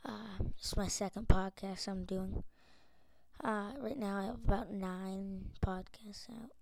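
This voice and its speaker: A woman's voice: medium pitch, fairly even intonation, unhurried, vocal fry, a little mellow, no echo. A woman hosting a casual solo podcast intro, hesitant and full of fillers, with the hiccups. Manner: hesitant, many fillers and restarts. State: has the hiccups. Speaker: podcast host.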